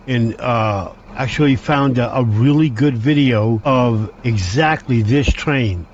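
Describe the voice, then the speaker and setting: A Hungarian man whose first language is Hungarian gives gameplay commentary while playing a train simulator, his voice at mid pitch. He talks haltingly, restarting often as he narrates each control step, over a dull lo-fi track with a faint engine hum.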